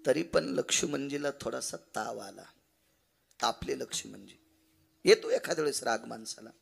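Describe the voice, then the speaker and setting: A man performing as a kirtankar, preaching a devotional kirtan sermon and swinging dramatically between loud and hushed delivery. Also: medium pitch, expressive, moderate pace, vocal fry.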